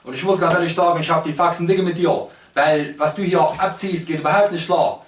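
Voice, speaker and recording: A man's voice: fairly high pitch, fairly even intonation, brisk, distant mic. Man doing German dialect impressions. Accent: Bavarian. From Munich, Bavaria. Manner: hops between German dialect voices. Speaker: language YouTuber. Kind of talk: comic dialect imitations. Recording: echoey room, voice a bit off-mic.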